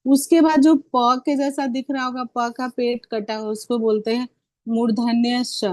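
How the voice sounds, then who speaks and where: Patient woman teacher explaining, higher voice. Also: flat delivery, unhurried, a little mellow, no echo. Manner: patient, explanatory, asks frequent rhetorical questions. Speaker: Hindi teacher training other teachers. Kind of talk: online teacher-training class.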